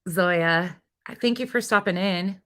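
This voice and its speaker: Her voice is on the low side and a bit bright, and she talks a little slowly. As a livestream host she chats casually, reading viewer comments and moving informally from one answer to another.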